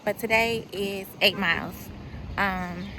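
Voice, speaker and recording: A woman's voice: medium pitch, fairly even intonation, slow, background noise. A woman in her forties talking casually and personally to her vlog audience. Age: 40s. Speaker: running vlogger.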